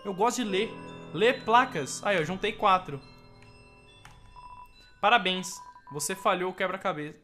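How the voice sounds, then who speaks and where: A Brazilian-accented gamer narrating a playthrough in a jumpy, excitable way, looping the same words over and over when things go wrong. Game music plays steadily behind the voice. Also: medium pitch, measured pace, pauses often. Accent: Brazilian Portuguese. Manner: excitable, panicky, repeats phrases, swears. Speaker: gameplay commentator. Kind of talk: let's play commentary.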